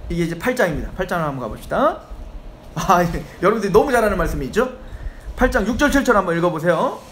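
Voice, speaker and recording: A man's voice: high-pitched, fast talker, slight background noise. A male pastor preaching an expository sermon in a church, switching between reading scripture and voicing characters in casual speech. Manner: animated preaching, voicing Bible characters in plain talk. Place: church sanctuary. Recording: echoey church hall, faint ambience.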